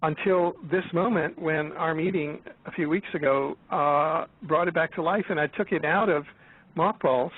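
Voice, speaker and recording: A man in his seventies speaks as a guest over a thin, phone-like line. His voice sits a little higher than most men's. He talks haltingly, circling back with fillers and restarts. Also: steady tone, slightly rough, no room sound. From United States. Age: 70s. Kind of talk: casual chat.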